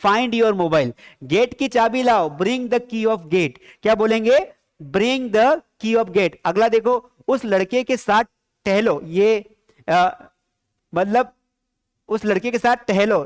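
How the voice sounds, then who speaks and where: A man teaching spoken English in a live-streamed lesson. He drills sentences, keeps asking the students questions, and slows down to spell out the English phrases. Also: high-pitched, dry recording, clean studio sound.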